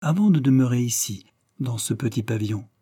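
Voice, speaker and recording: A man's voice: mid-range voice, animated, a little fast, mellow, husky, no room sound, studio quality. A man reading a short story, voicing an anxious, jealous wife who questions a child in a trembling voice. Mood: anxious probing. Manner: hesitant, probing questions in a trembling voice. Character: anxious jealous woman, middle-aged wife.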